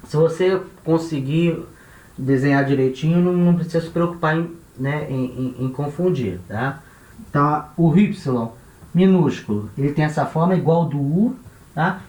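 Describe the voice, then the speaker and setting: A man with a Brazilian Portuguese accent teaching a language lesson, slowly repeating each letter and its sound and checking in with tá and né. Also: on the high side, darkish tone. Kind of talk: classroom-style lesson. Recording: echoey room.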